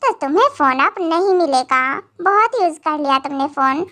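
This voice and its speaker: A woman's voice: high-pitched, expressive, normal speed, pushed and bright. A woman voicing a possessive, teasing young man in a fan audio drama. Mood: taunting. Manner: teasing, taunting.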